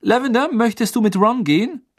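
A woman's voice: on the high side, animated, brisk, breathy edge, dry recording, studio quality, pitched above the performer's own voice. Harry, a reader doing an eager teenage boy.

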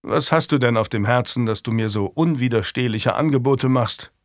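A man's voice: mid-range voice, moderate pace, dry recording, studio quality, natural voice. Man voicing a wry, weary knight. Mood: frank. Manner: wry, candid. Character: weary, frank adult male knight.

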